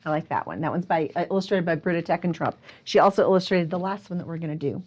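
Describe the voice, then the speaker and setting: A woman with a fairly low, quick voice hosts a picture book storytime for young children, speaking close to a camera. As a children's librarian, she plays with the listeners, prompting them with questions and exclaiming in wonder.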